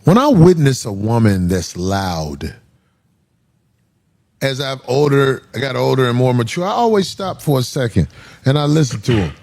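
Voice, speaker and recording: A man hosting a casual comedic panel talk, animated and profane, slipping into put-on shouts. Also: mid-range voice, moderate pace. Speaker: host.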